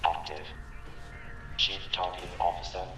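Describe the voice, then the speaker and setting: A man voicing a stern facility security computer, giving flat formal status announcements through a robotic filter. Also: sits low, normal speed. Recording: echoey distant game audio with music.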